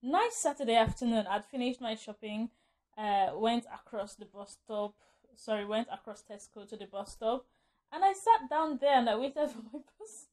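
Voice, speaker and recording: A woman tells a story to her vlog camera in a loose, rambling way. She stops to correct herself and breaks into nervous laughs. Her voice sits a little high. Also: lively intonation, normal speed, darkish tone. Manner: rambling, self-correcting, laughs often while telling. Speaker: vlogger.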